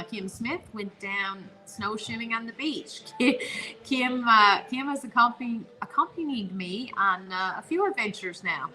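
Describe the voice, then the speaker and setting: A woman from Newfoundland, Canada, speaks with a Newfoundland accent in a mid-range, sharp-toned voice, captured in a rough recording. She's a guest co-host, chatting casually and with enthusiasm.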